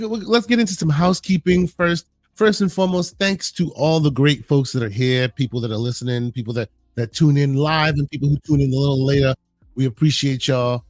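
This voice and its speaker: A hoarse, sick man hosts a casual podcast, often restarting his words and greeting his listeners. His voice sits at an ordinary male pitch, and the sound is dry and close, with faint music underneath. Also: no room sound. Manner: halting, repeats words, friendly shout-outs. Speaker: podcast host.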